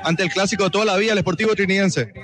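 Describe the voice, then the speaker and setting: Brisk stadium reporter. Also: male voice, high-pitched, fairly bright tone. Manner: brisk, on-the-spot description. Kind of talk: live sports radio reporting.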